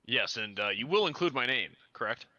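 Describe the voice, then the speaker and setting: A man's voice: mid-range voice, lively intonation, fairly quick, bright, forceful tone, no echo, dull audio. A man voicing a stern, demanding male Legion officer in a tabletop game, questioning others in a clipped, officious way.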